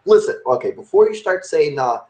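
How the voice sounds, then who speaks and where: A young man hosting a podcast argues a point in casual chat, rambling and restarting with plenty of fillers. His voice is on the high side, animated, brisk, and a little mellow. The recording has a roomy echo and slight background noise.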